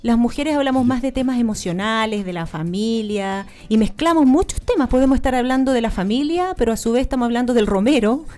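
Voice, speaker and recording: A woman with a Chilean accent, a guest speaker explaining her points in an animated, casual interview chat. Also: fairly high pitch, fairly quick, hardly any pauses.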